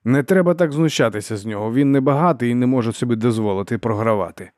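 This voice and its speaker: A man's voice: mid-range voice, quick pace, darkish tone, no echo, studio quality, natural voice. A man voicing a stern, blunt young officer who chides his friend.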